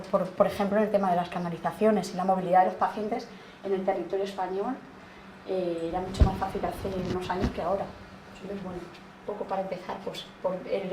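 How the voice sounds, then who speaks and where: A woman leading a training workshop, talking in a reflective, halting way with frequent restarts. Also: mid-range voice, darkish tone, a little hiss or hum. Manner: hesitant, restarts often, reflective. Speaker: workshop facilitator. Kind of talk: informal workshop talk. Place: meeting room.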